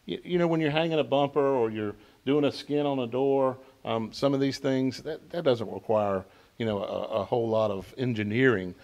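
A man's voice: medium pitch, moderate pace, darkish tone, dull audio. A man on a repair-industry panel speaks bluntly and directly. He holds a handheld mic in a dealership showroom. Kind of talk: panel discussion.

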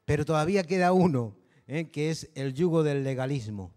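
A man with a Canary Islands accent preaching a sermon, his voice pitched high for a man. He talks to the congregation in a loose, conversational way, full of questions tossed back at them. The sound carries a long hall reverb. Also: animated, normal speed, darkish tone. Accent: Canary Islands Spanish. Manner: conversational preaching, peppered with rhetorical tags. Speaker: pastor.

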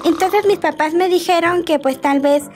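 A woman's voice: very high voice, moderate pace, darkish tone, pitched above the performer's own voice. A woman voicing an earnest, chatty little rich girl with a Mexican accent in a video game role-play, talking in a childlike, rambling way. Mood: rambling, confiding.

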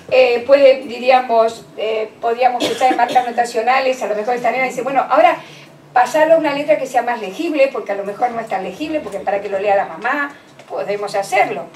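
A woman's voice: a little high, darkish tone. A woman giving a conference lecture on children's writing, explaining with many fillers and restarts. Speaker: lecturer on early literacy. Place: conference hall. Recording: echoey hall, distant mic, faint noise.

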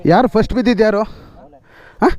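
Fast-talking high-voiced man on a trail. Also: steady tone, a little mellow, highs cut off. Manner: calls out quick instructions to fellow riders, repeats words, laughs often. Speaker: motovlogger leading an off-road ride. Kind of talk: casual on-the-spot vlog talk. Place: outdoors on a forest dirt trail.

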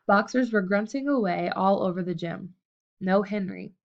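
A woman's voice: medium pitch, moderate pace, creaky. Woman narrating an audiobook, lo-fi.

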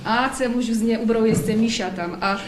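Woman host at a book event, chatty and jokey, highish voice, echoey hall. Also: moderate pace. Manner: chatty and playful. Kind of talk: hosting a live book event. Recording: echoey hall, faint noise.

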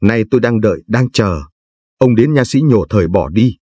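A man voicing a gentle talking tooth that softly chants advice in verse to an old man, with a husky, low voice. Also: animated, moderate pace, no echo. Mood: pleading. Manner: soft sing-song verse chanting.

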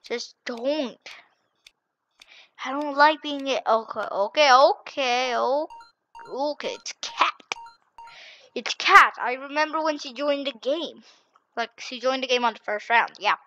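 A young woman commentating a hide-and-seek video game in a frantic, excitable way, repeating herself and dropping to whispers when hiding. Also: high-pitched, slow, pauses often, highs cut off. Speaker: gaming channel host.

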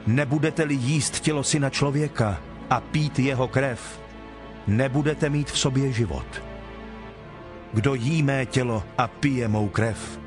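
An actor playing Jesus, a solemn teacher speaking in measured declarations in a dramatized scripture reading. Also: male voice, mid-range voice, natural voice. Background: background music.

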